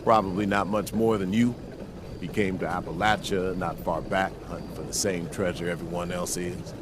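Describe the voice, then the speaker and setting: A man's voice: low-pitched, fairly even intonation, moderate pace, close to an everyday voice. An actor playing a wary male wasteland treasure seeker in a game, with casual, terse, tough talk. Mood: guarded, casual. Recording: clear background ambient noise.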